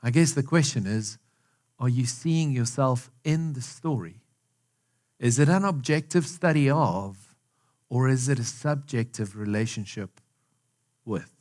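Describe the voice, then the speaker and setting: In a church hall before a live congregation, this male pastor speaks in a mid-range, slightly mellow voice, unhurried and pausing often. He is South African with some American in his accent, and his sermon is conversational, full of questions to the crowd and phrases repeated for emphasis.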